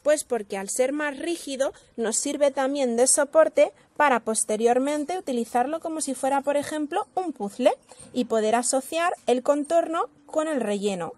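A woman's voice: sits high, normal speed, darkish tone, no echo. Woman teacher from Spain, models English words then explains them, dry close recording. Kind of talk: slow pronunciation lesson.

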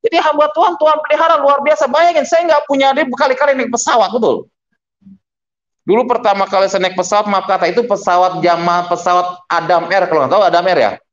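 A middle-aged man preaching as a pastor, telling his conversion story in a lively storytelling manner and acting out the dialogue. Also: high voice, fast, lo-fi sound. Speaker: pastor giving testimony. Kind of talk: storytelling testimony sermon.

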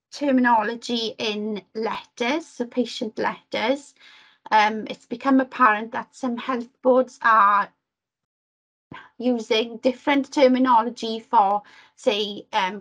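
On a video call, a Welsh woman earnestly reports on her work as a Welsh language officer to a committee, with lots of ums and restarts. Her voice sits on the higher side with a fairly bright tone, and the recording quality is rough.

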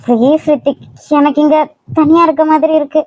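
A woman voicing a lonely new bride in a cartoon drama, giving quiet, subdued replies in Kanyakumari Tamil. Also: sits high, fairly even intonation, fairly quick, dry recording, lightly acted. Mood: subdued sad.

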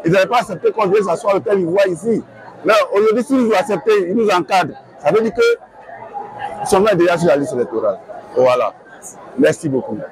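Measured man, hesitant. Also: high voice, poor audio. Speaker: party supporter. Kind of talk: street interview. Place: outdoor tented rally. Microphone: lapel mic. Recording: lively crowd noise outdoors.

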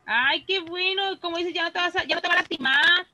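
A woman's voice: very high-pitched, sharp tone, rough recording. An adult woman teacher with a Mexican accent, leading a class for children and patiently reading words aloud one by one. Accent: Mexican Spanish. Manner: patient, reads words aloud slowly and clearly.

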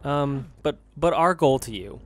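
Lively rambling young gaming co-host, male. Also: medium pitch, a little slow, soft background music. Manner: rambling, joking, laughs often. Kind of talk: casual gameplay commentary.

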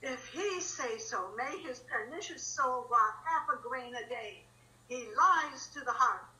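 Brief: a woman reading an outspoken loyal maid, bright and high, pitch swinging widely. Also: animated, a little slow, exaggerated voice, rough recording. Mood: defiant. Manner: emphatic, impassioned verse delivery. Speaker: reader in an online play reading. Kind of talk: dramatic Shakespeare reading. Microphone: video call.

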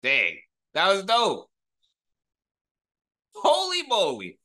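Reacting to a music video at home, a thirties-aged rapper and reaction host speaks very slowly in a high, bright, forceful voice whose pitch swoops wildly. He's casual and slangy, firing off short repeated exclamations into a nearby desk mic with headphones on, while the video's pop music plays in the small indoor room.

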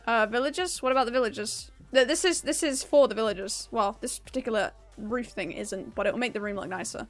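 A woman's voice: a little high, a little fast, soft background music. A young woman streaming a game, chatting casually and upbeat with her viewers and laughing often. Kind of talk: casual live-stream chat while gaming.

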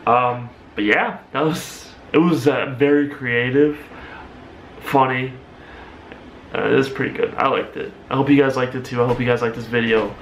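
A man's voice: medium pitch, steady tone, moderate pace, echoey room, background noise. A young adult man hosting a reaction video with casual, rambling, informal commentary. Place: small room at home, indoors.

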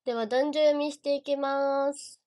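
A young woman with a Kansai accent chats on a close mic in a casual livestream. Her voice sits high and bright. She is bubbly and giggly, and she keeps calling out viewers' names to thank them. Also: fairly even intonation, moderate pace. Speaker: idol livestream host. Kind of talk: casual livestream chat reading viewer gifts.

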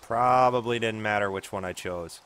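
A man's voice: fairly low pitch, normal speed, a bit bright, slight background noise. A man in his forties casually commenting on gameplay with sarcastic, self-deprecating asides. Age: 40s. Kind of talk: casual let's-play commentary.

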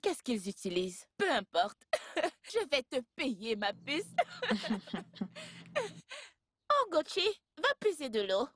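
A woman's voice: a little high, fairly bright tone, dry recording, studio quality. An actress playing a boastful, teasing young woman in a dubbed film. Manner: teasing, show-off. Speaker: Amaka, young fiancée.

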